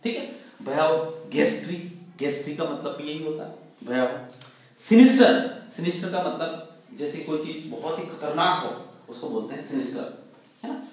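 A man teaching a vocabulary lesson. He tells stories, asks questions and answers them himself, and says definitions slowly. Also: on the high side, animated. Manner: mixes Hindi with slowly spoken English definitions. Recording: very echoey room, voice from far off.

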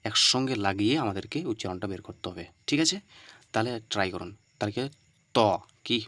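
A man teaching Arabic letter pronunciation step by step. He often asks and answers his own questions and repeats the letter sounds loudly. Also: lowish voice, fast, dry recording.

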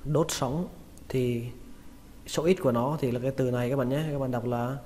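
A man giving a spoken vocabulary lesson, saying each word slowly and repeating it with care. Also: medium pitch, steady tone, dark tone. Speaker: English pronunciation teacher. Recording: long reverb with faint noise.

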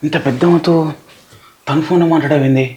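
A man's voice: fairly high pitch, steady tone, a little fast, lightly acted. A man playing a grumbling young drinker husband. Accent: Telangana Telugu. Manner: complaining and impatient.

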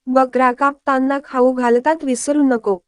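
A young man who loves ribbing his little brother, read by a woman narrator. The voice is high and clear. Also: fairly even intonation, measured pace, no room sound. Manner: teasing.

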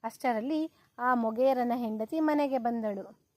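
A woman reading a children's story aloud in a calm storybook manner. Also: a little high, no echo. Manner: slow, even storybook narration.

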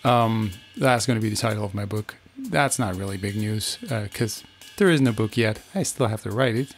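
A man's voice: lowish voice, expressive, normal speed, soft background music. A man hosting a podcast, musing reflectively with fillers as he introduces an interview. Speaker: podcast host.

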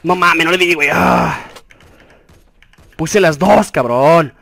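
A young man with a Mexican accent commentating his own Free Fire gameplay. He swings between low muttering and sudden excited yells. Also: slow pace, vocal fry, no echo. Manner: excitable, shouts and yelps at big moments, mutters low while looting. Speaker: gaming YouTuber.

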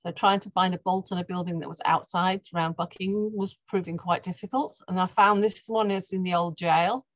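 A woman's voice: on the low side, no room sound, low-quality recording. A middle-aged woman, a guest artist talking through her slides on a video call, chatty and often restarting her sentences. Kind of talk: presenting slides in an online talk.

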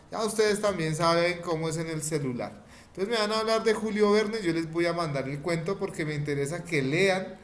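A man's voice: a little high, slight background noise. A man teaching an online class, patiently repeating each step for children. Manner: patient, repeats steps slowly, coaxing.

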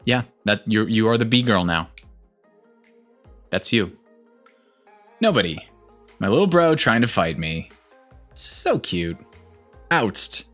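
A man reads out meme captions and drops dry, deadpan remarks after each one. His pitch bounces around animatedly from line to line. Faint music plays quietly under his voice. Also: takes it slowly, long pauses. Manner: wry, deadpan asides between read captions. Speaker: meme video narrator. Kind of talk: reading and commenting on memes.

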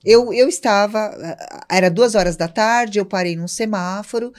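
A woman's voice: medium pitch, a little mellow. A woman with a Brazilian Portuguese accent, a podcast guest telling a personal story in casual talk and acting out both sides of the dialogue.

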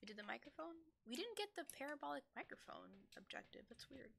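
A woman's voice: sits high, big pitch swings, fast, creaky, background noise. Jumpy woman streamer mumbling through a game. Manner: jumpy, swears, mumbles while playing. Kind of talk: casual gameplay chat.

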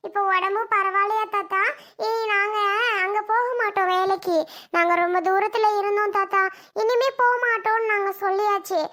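Here is a woman voicing a young child in a family skit. The voice is very high and bright. The child pleads and apologizes earnestly. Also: fairly even intonation, brisk. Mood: pleading.

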